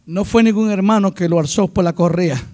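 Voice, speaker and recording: A middle-aged male pastor preaching with passion, swinging between loud declarations and hushed asides. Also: sits high, brisk. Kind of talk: sermon.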